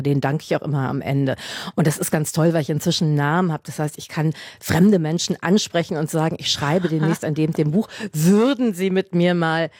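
A woman novelist from Germany in a casual radio interview, telling lively stories, laughing often and acting out quoted dialogue. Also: deep voice, no room sound, clean studio sound. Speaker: novelist guest.

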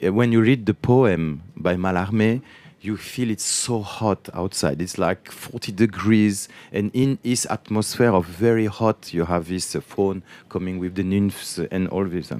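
A man's voice: low-pitched, darkish tone. A man from France with a French accent, a conductor being interviewed who speaks earnestly and searches for words when he switches languages. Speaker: orchestra conductor. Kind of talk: interview guest.

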